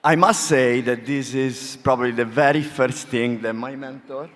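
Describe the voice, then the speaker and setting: A man from Italy with an Italian accent, a native Italian speaker, giving an informal, heartfelt acceptance speech in a halting way. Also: mid-range voice, fairly even intonation, a bit bright, slight background noise. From small town in Italy. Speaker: award-winning bartender giving an acceptance speech. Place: on stage in a large hall. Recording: reverberant large hall PA sound.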